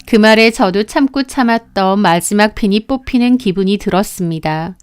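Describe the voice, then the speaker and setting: A woman's voice: mid-range voice, normal speed, clean tone. A woman narrating her own family conflict story with emotional, indignant delivery, acting out her own angry replies.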